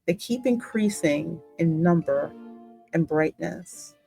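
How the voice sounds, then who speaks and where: A woman hosting a gaming channel narrates a story game slowly, adding her own reactions in asides, over background music. Her voice sits on the low side and is animated, gravelly, and warm.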